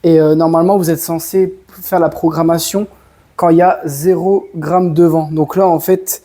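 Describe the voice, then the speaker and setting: A man's voice: fairly high pitch, level tone, moderate pace, warm tone, no echo. A man from France giving a casual, enthusiastic product demo in his garden, full of slang. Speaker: home and garden vlogger. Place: outdoors in a garden.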